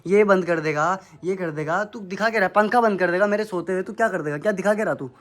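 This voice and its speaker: A man's voice: high-pitched, fast talker, fairly bright tone. A young man from India venting angrily in a home vlog, with heated, accusing, repetitive outbursts at his brother. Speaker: vlogger. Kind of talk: angry vlog rant to camera. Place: family home, indoors.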